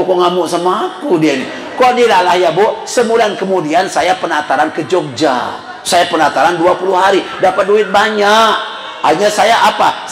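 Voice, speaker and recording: A man's voice: high voice, fairly bright tone. A man preaching a humorous sermon in a mosque, telling comic stories and acting out the voices of the people in them. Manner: comic, acts out quoted voices, addresses the women in the audience. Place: mosque hall. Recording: echoey mosque hall.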